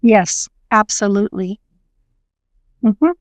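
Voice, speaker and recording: A woman's voice: mid-range voice, fairly even intonation, takes it slowly, no room sound. A middle-aged woman, a psychic medium, talking earnestly and reflectively as an interview guest, with many fillers and restarts. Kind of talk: conversational interview.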